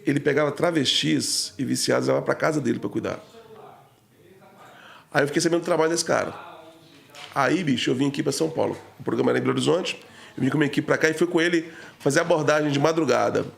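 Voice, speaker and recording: A man's voice: on the high side, fast talker, gravelly. A man talking as a podcast guest, telling an emotional story in a slangy, casual way full of fillers.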